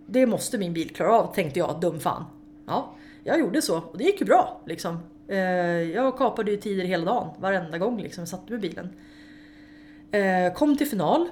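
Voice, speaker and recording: A woman, a guest in an interview, telling lively stories about racing her car, swearing freely and laughing along the way. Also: mid-range voice, slight background noise. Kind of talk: casual interview storytelling.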